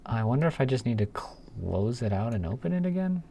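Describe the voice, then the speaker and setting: This man has a mid-range, mellow voice with a creaky edge, big swings in pitch, and a brisk pace. He's a programmer streaming live as he codes, casually thinking out loud and muttering murmured asides, sighs and hums. Keyboard clicks and typing fill the noisy room around him.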